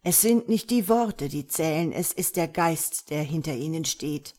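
A desperate male monsignor, as a woman reads him in an audiobook, agitated and pleading as he defends his faith. The low voice rises in pitch and strains louder for him. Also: unhurried, breathy edge. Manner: agitated, pleading, near tears. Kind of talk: audiobook character reading.

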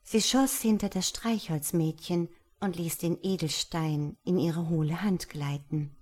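A woman narrating a fairy tale aloud in slow, deliberate storytelling. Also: lowish voice, darkish tone. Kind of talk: audiobook fairy tale reading.

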